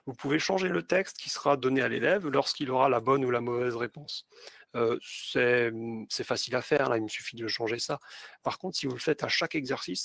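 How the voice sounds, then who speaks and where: A man walks teachers through a tutorial one step at a time, with fillers between his phrases. His voice is gravelly and a little husky. The sound is dry and close. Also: medium pitch, a bit bright, dry recording. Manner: explains step by step with many fillers. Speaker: teacher trainer. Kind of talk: screen-share tutorial.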